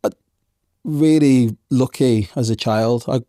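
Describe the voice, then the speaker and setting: A man's voice: mid-range voice, slow pace, mellow, no room sound, clean studio sound. A man in his thirties who grew up in England, talking reflectively in an interview with many ums and restarts. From Zambian parents, raised in England from age one. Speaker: podcast guest. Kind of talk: conversational interview.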